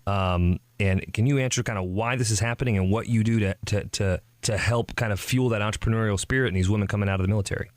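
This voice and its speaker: A man's voice: on the low side, fast, hardly any pauses, no room sound. A man hosting a radio talk show, speaking in an enthusiastic, effusive manner.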